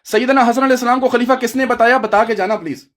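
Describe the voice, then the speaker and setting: A man's voice: extremely high pitch, fairly bright tone. Man, debater, combative, lecturing, cuts in on his opponent, heated online debate.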